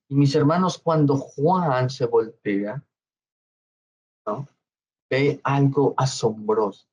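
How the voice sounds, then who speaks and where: Slow-preaching man, dull lo-fi sound. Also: mid-range voice, darkish tone. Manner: slow, with frequent checking questions to the congregation. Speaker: pastor. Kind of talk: Bible study sermon.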